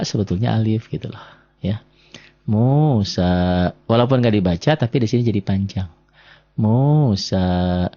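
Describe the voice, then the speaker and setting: A man teaches Quran recitation in a patient lesson, repeating each rule and slowly sounding out the examples. His voice sits low and has a gravelly edge. The recording is dull and lo-fi. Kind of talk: classroom lesson.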